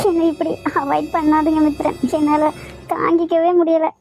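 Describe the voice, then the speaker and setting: A woman's voice: high voice, flat delivery, moderate pace, darkish tone, faint music behind, poor audio. A woman voicing an anxious young wife who pleads tearfully with her husband in a cartoon love story. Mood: pleading.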